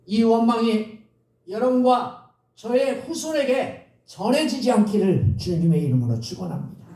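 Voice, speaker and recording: High-voiced preaching man in an echoey church. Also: normal speed. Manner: animated preaching with call-and-response to the congregation. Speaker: pastor. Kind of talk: sermon. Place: church sanctuary. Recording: echoey church recorded from a distance.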